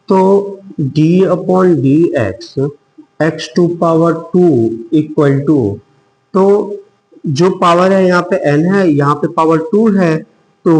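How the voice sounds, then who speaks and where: A man's voice: on the high side, darkish tone, roomy sound, rough recording. A man teaching a math lesson step by step, asking himself questions as he works through each problem. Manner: slow, step-by-step explaining with rhetorical questions.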